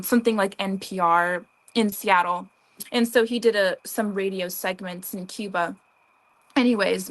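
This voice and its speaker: American woman in her twenties, middle pitch, animated storyteller on a live Q&A. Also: poor audio. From United States. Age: 20s. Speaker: livestream co-host. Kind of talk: casual livestream chat.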